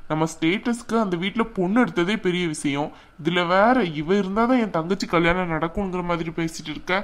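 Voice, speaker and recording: A woman's voice: fairly low pitch, a little fast, natural voice. A woman voicing a scornful, quarrelsome young husband in a cartoon, talking in a taunting way. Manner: taunting, contemptuous. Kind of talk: cartoon voice acting.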